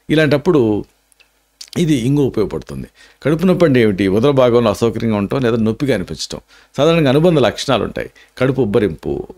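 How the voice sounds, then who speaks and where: A man's voice: lowish voice, darkish tone. A man, an Ayurvedic doctor giving health tips and explaining symptoms and home remedies. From India.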